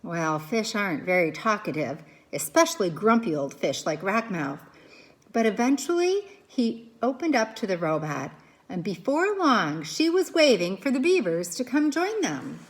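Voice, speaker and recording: Reading to children the way a teacher would, this woman brings the story to life with expressive narration, dramatic pauses and questions aimed at her young audience. Her voice is mid-range.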